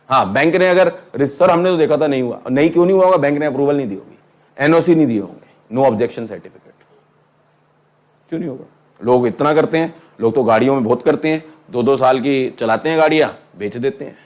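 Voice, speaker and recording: A middle-aged man teaching law to a class, lively and teasing, calling his students "beta" and asking them questions. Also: medium pitch. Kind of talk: classroom lecture.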